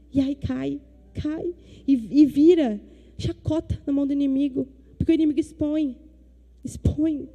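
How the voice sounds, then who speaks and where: A woman's voice: sits high, warm tone. A woman in her thirties from Brazil, a pastor preaching a sermon with emphatic repetitions. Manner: emphatic, repeats phrases, acts out dialogue.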